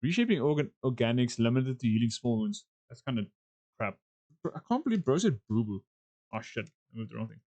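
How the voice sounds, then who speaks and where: A man's voice: mid-range voice, sing-song, brisk, warm tone. A man giving casual reaction commentary in a mocking, blunt, slangy way. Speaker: reaction video host.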